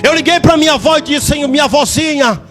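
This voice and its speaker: High-voiced fervent preacher man. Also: fast talker, over music. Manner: fervent, sing-song preaching, repeats words, rises to shouts. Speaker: testimony giver in church. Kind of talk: preached testimony.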